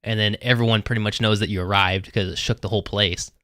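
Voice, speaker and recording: A man's voice: on the low side, fairly even intonation, fast, bright, forceful tone, dry recording, clean studio sound. A man narrating a tabletop game as game master, loose and laughing with lots of fillers.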